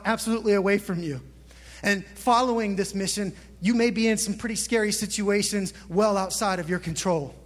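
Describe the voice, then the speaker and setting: Male pastor mid-sermon, high voice, fervent, long hall reverb. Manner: impassioned, builds to emphatic peaks, asks the congregation questions.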